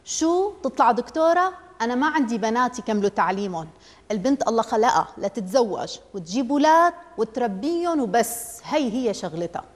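A woman's voice: mid-range voice, lively intonation, fast talker, close to an everyday voice. A woman voicing a stern, domineering middle-aged father who speaks with anger and scorn. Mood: angry, scornful. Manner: angry, scornful, raised voice. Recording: long hall reverb.

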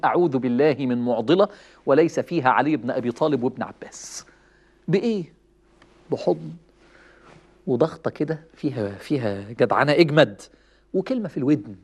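A man with an Egyptian Arabic accent giving a lively religious talk, telling stories, chuckling and acting out quoted lines. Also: mid-range voice, a little fast, long pauses, husky. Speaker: preacher.

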